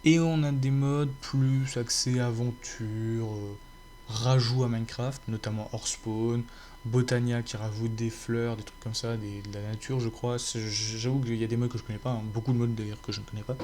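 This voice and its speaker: Homme au débit hésitant, faint hum. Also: male voice, mid-range voice, little pitch movement, normal speed, a little mellow. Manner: rambling, many fillers and restarts. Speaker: gaming YouTuber. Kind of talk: casual chat to viewers.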